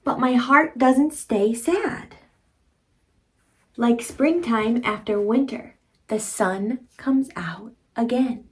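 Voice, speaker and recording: A woman in her thirties, with a voice that's a little high, takes it slowly as she reads a picture book aloud to young children. She's expressive, uses simple teacherly phrases and addresses the child directly.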